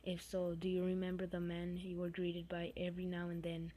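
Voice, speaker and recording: A woman reading the message of a trapped male game entity pleading for help, in a hushed, partly whispered voice. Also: lowish voice, completely flat delivery, fairly quick, a little hiss or hum, natural voice.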